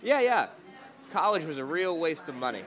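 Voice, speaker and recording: A Massachusetts stand-up comedian in his late twenties chats casually over breakfast, tossing in dry, joking asides. His voice is fairly high with big pitch swings at a normal speed, recorded in a noisy, crowded diner full of crowd chatter.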